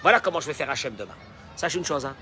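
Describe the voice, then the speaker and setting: A man preaching a sermon as a rabbi, dropping in Hebrew phrases and swinging from quiet talk to shouting. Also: a little high, animated, fast, soft background music, some chatter behind. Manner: mixes Hebrew phrases into his speech.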